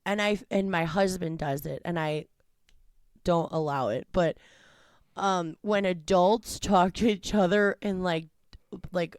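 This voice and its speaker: A woman's voice: on the low side, slow pace, a little mellow, dry recording, clean studio sound. A married woman co-hosting a casual podcast, chatting bluntly about things she hates. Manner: chatty, blunt, laughs easily. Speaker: podcast co-host.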